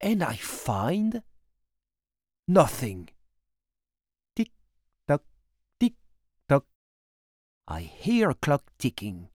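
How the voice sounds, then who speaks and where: A narrator with a French accent telling a story slowly and deliberately, with dramatic pauses. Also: medium pitch, huge pitch swings, darkish tone, slightly rough, no echo, clean studio sound.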